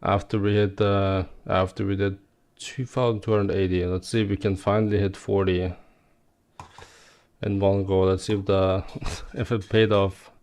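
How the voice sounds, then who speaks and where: A man's voice: low-pitched, level tone, moderate pace, a little mellow, smooth. A man chatting casually and informally to viewers as he streams a game. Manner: informal, swearing, addressing viewers. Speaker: live streamer, gamer. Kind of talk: casual live-stream gaming chat.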